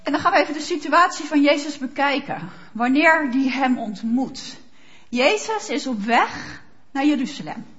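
A woman's voice: high-pitched, lively intonation, normal speed, fairly bright tone, muffled recording. A woman preacher giving a sermon, speaking emphatically and asking rhetorical questions of her listeners. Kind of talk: sermon with Bible reading.

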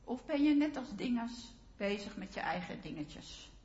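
A woman's voice: a little high, lively intonation, measured pace, darkish tone, slight background noise. A woman preacher giving a sermon, speaking earnestly and addressing her listeners directly. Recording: roomy, slightly dull sound.

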